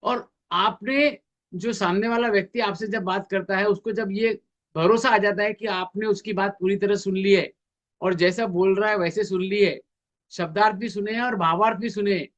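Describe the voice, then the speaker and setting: A man's voice: high voice, moderate pace, fairly bright tone, muffled recording. A man speaking in a webinar on communication skills, acting out both sides of everyday conversations to make his points. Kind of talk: webinar talk.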